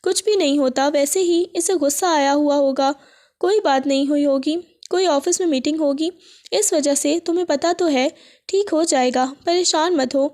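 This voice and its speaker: A woman voicing a loving older aunt who reassures softly in a high, mellow voice. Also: lightly acted. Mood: soothing. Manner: soothing, reassuring.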